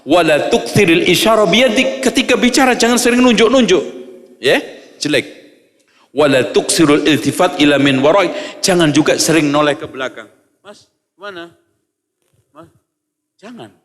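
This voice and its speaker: A man preaching, reading Arabic lines and explaining them in a lively way, acting out little examples with humor. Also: on the high side, moderate pace, long reverb tail. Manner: lively, acts out examples, jokes with audience. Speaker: Islamic preacher.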